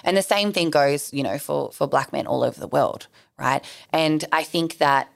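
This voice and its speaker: Sydney aussie woman, deep gravelly fry, blunt slangy casual chat. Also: moderate pace. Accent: Sydney Australian. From Southwest Sydney, Australia. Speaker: podcast guest.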